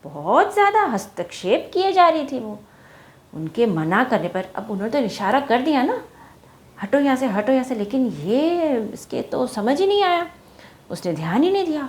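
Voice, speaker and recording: A woman telling a story to children in an animated way, often asking her young listeners questions. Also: high voice, moderate pace.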